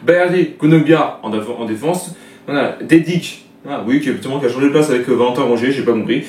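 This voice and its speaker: A man's voice: mid-range voice, fast talker, a little mellow. A young man hosting a casual football match debrief, rambling with lots of filler words and restarts. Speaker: football video debrief host. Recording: echoey room, distant mic, faint noise.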